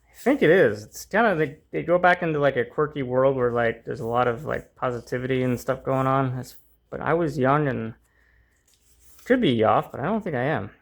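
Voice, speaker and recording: A man with a gravelly, mid-pitched voice chats casually through a pile of comics for his channel. He rambles, restarts and fills pauses with ums. He sounds a bit strained and worn out from the heat. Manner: rambling, many fillers and restarts. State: hot and tiring, voice strained. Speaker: comic book channel host. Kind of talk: casual unboxing chat.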